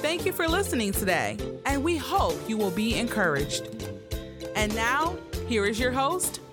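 A woman announcer reads a scripted podcast introduction with a high, lively voice. Music plays clearly behind her, and her delivery bounces around. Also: normal speed. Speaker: show announcer.

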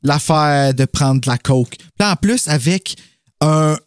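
A man's voice: a little high, expressive, takes it slowly, smooth, no room sound, studio quality. A Québécois man from Gatineau co-hosting a casual film podcast, chatty, often searching for words, with frequent fillers. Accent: Québécois French. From Gatineau, Quebec. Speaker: podcast co-host. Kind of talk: casual film-review chat.

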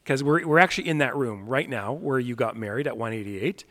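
A man interviewing a guest in a casual chat, affirming and warm, growing lively when he recalls events. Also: medium pitch, brisk. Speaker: interviewer, pastor.

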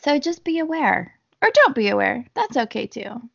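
A woman's voice: on the high side, very animated, normal speed, vocal fry, a bit bright. A woman co-hosting a casual book-club podcast, laid-back as she explains foreshadowing and reassures a friend. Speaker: podcast co-host. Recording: dull lo-fi podcast audio.

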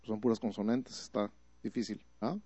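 A man's voice: on the low side, fairly even intonation, normal speed, dark tone, husky, no room sound. A man preaching a sermon in a teaching manner, asking the listeners questions and building up emphatic repeated phrases. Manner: rises to emphatic repetition.

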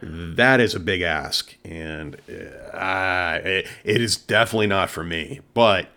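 Very deep-voiced man co-hosting a tech show. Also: a little slow, bright, forceful tone. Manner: conversational, chuckles between points. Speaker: co-host of a home theater tech show. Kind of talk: casual tech chat.

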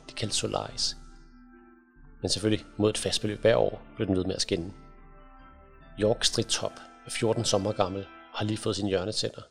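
A man narrating a fantasy audiobook in a measured, dramatic storytelling manner. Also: fairly low pitch, gravelly.

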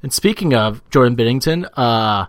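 A man's voice: medium pitch, lively intonation, normal speed, no room sound. A man co-hosting a podcast in casual chat, loose and profane, laughing easily. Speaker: podcast co-host.

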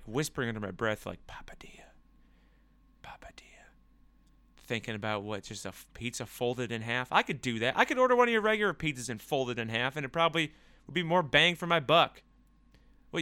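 A young man from the US Northeast rambles through a sarcastic, profane solo rant. His voice is bright and crisp. The sound is dry and close. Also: medium pitch, no room sound.

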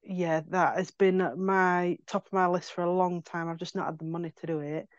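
A friendly, relaxed woman guest, an artist, chatting about herself. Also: lowish voice, moderate pace, no echo. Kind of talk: casual chat. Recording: dull phone call.

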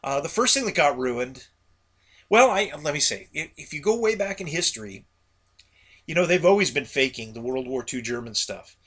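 Gravelly-voiced man with a bright, forceful edge. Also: a little high, animated, normal speed. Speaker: podcast host. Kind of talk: casual solo podcast monologue.

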